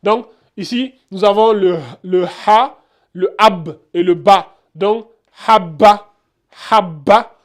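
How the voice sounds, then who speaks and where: A man's voice: high-pitched, takes it slowly. A man giving a casual beginner lesson, repeating sounds and often checking that viewers follow. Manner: repetitive, checks understanding often. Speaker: Arabic teacher.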